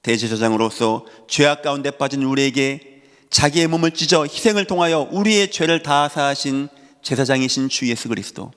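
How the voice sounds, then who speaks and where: A man's voice: on the high side, a bit bright, clean tone. A man giving an emphatic sermon as pastor, with rising, exhorting calls to the congregation. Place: large church sanctuary. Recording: long reverb of a church hall.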